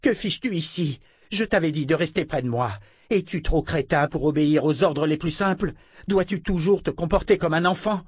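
Guy doing a shrill scolding older woman, super bossy and contemptuous. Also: lively intonation, brisk, hardly any pauses, breathy edge, no room sound, clean studio sound. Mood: furious. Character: furious stern older woman, a domineering sister.

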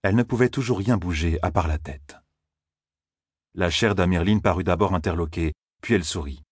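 A man narrating an audiobook in a measured, even storytelling manner. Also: sits low, slightly rough, no echo, clean studio sound.

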